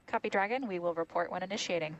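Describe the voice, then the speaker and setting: Female mission controller: lower register, formal and clipped, procedural comm checks. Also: fast, lo-fi sound. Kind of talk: procedural radio comm calls.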